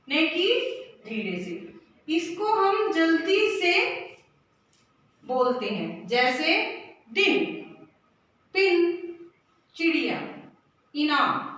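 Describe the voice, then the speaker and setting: A woman's voice: very high voice, fairly bright tone, highs cut off. A woman teacher giving a first-grade lesson, patient and repetitive, sounding out letters one by one. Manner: slow, patient, repeats points and spells out letters. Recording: echoey room, voice from far off.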